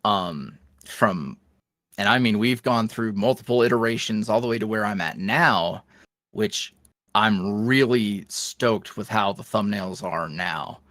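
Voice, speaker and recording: A young roleplay creator chats casually as a podcast guest, rambling and self-reflective, full of fillers and restarts. His voice is lowish, unhurried and fairly bright, recorded dry with clean studio sound.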